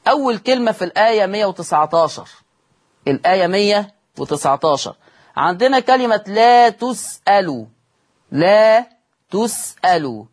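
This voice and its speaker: A man's voice: high voice, animated, brisk. A man with an Egyptian accent teaching Quran recitation rules in a televised lesson, repeating key points and asking his students questions he then answers himself. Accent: Egyptian Arabic. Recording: studio broadcast.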